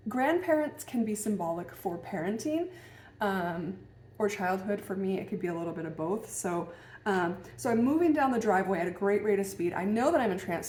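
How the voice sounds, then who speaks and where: A woman's voice: medium pitch, a little mellow, a little hiss or hum. A woman telling a personal story in a casual, musing way, hesitant and full of fillers and restarts. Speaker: vlogger. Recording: roomy echo.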